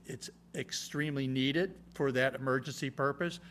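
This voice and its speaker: A man's voice: medium pitch, fairly even intonation, normal speed, a bit bright. A man answering as an engineer at a public meeting, explaining in a matter-of-fact way. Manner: matter-of-fact, checking with "okay?". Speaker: project engineer. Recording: noticeable background hum and noise.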